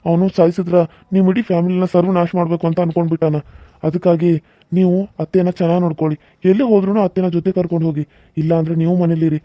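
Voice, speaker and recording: A man voicing an earnest young husband, warm. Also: high voice, level tone, very fast, no room sound, clean studio sound, close to an everyday voice. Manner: earnest, gently persuasive. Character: young devoted husband, kind and reassuring. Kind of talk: cartoon serial dubbing.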